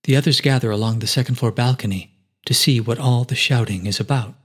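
A man narrating a fantasy adventure story in steady, dramatic scripted narration. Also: medium pitch, a little fast, husky. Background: faint musical score.

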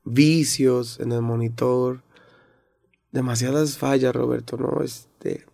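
Mexican rapper guest, gravelly voice, dry close sound, lively storyteller. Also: male voice, mid-range voice, takes it slowly, no echo. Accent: Mexican Spanish. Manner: animated retelling with acted-out quotes. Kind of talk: casual storytelling interview.

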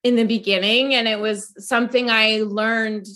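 A woman's voice: a little high, fairly even intonation, normal speed, sharp tone. A woman, a guest author, answering in a casual interview chat with lots of "like" and "you know". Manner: chatty, many "like" and "you know" fillers.

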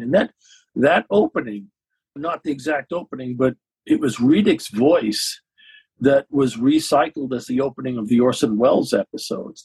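A man explains things casually as a guest expert. His voice is very raspy with a lot of creak, at a middling pitch. The sound is close and dry. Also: a little mellow, dry recording, rough recording. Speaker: guest expert on vintage radio and film. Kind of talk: casual explanatory podcast discussion.

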